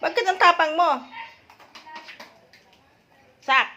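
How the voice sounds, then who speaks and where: An older woman, a grandmother, teasing a small child with quick, playful questions in a casual home vlog. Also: very high voice, dull audio, noisy background. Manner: teasing, rapid-fire questions. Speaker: grandmother vlogger.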